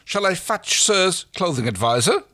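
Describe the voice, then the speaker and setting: A man's voice: high voice, sing-song, normal speed, a bit bright, no echo, studio quality, pitched above the performer's own voice. A man doing a reedy, flustered shop assistant. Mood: deferential.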